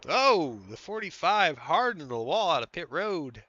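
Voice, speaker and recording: Congested and unwell, this sim racing commentator calls the online race with a very animated delivery at a moderate pace, reading lap times along the way. His voice is a little high, pushed and bright, and nasal from a cold. The highs are cut off, and there's slight background noise.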